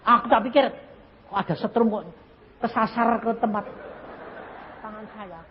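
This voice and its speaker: A man's voice: high-pitched, moderate pace, in a large hall, lo-fi sound, some chatter behind, slight background noise. A man in his eighties with a Javanese accent, preaching a testimony-style sermon and telling stories animatedly, with sound effects. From Central Java, Indonesia. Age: 80s. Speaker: evangelist preacher.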